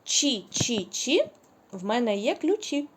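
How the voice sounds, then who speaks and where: A woman teaching a preschool reading lesson, drawing out syllables slowly and praising the children cheerfully. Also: medium pitch, animated, warm tone, slight background noise. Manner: slow, drawn-out syllables when modeling words. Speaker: kindergarten teacher.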